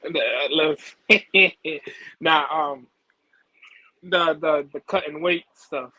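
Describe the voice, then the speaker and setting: A man's voice: on the high side, fairly even intonation, extremely slow, bright, forceful tone, no echo, rough recording. A man chatting casually about boxing on a podcast, laid-back and slangy, laughing easily.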